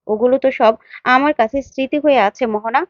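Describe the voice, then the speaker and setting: A woman's voice: high-pitched, fast talker, dry recording, muffled recording, lightly acted. A woman voicing a young married man who answers firmly and defensively. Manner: firm, defensive.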